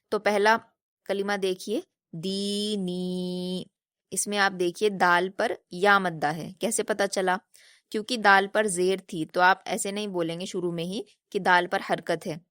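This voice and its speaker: A woman teaching a recitation class in a patient, explanatory way. She poses questions to her students and answers them herself, and she stretches the drilled sounds slowly. Her voice sits at a middling pitch in a dry, close recording with no room echo. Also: a bit bright. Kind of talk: online recitation lesson.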